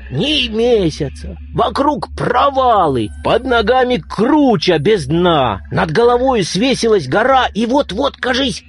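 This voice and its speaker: A man's voice: fairly high pitch, creaky, husky, heavily acted. A man voicing a stubborn, grumbling old village grandfather who mutters to himself and cries out in fright in a storybook reading. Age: older.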